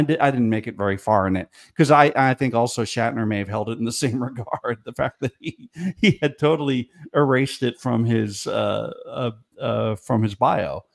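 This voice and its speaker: A comedy writer in middle age joins a video call as a guest from a small room in his home, swapping stories casually, laughing a lot and restarting lines. His voice is gravelly and medium in pitch, picked up by a studio mic.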